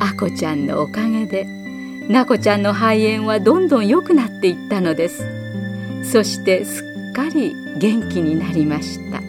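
A woman reads a children's storybook aloud with a gentle, measured delivery. Her voice sits at a middle pitch for a woman, unhurried and even. Soft music plays faintly behind her. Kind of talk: storybook narration.

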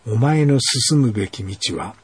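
A man's voice: medium pitch, lively intonation, unhurried, husky, dry recording. A man voicing a solemn divine voice that speaks to a girl, in a spoken story.

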